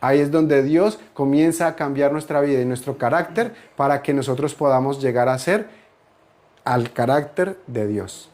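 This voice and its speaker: A man's voice: medium pitch, normal speed, a little mellow. A male pastor preaching a sermon, building emphasis with repeated phrases and rising peaks.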